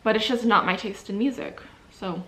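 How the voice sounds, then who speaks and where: A woman's voice: medium pitch, normal speed, fairly bright tone. A young woman vlogging at home, chatting casually to camera between bites of a sandwich, rambling with lots of likes and restarts. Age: young adult. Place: at home indoors by a window.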